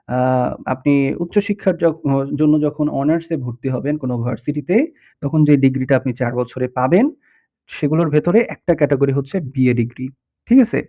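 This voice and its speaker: Man, Bangladeshi accent, patient step-by-step tutorial explaining, fairly high voice, tinny phone-like audio. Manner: explains step by step, checks often with the listener. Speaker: teacher. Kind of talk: screen-recorded tutorial lesson.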